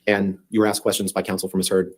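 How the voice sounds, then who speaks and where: Rapid, husky male cross-examiner. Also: low voice, completely flat delivery, darkish tone. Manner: pressing, leading tag questions. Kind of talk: courtroom questioning. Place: courtroom.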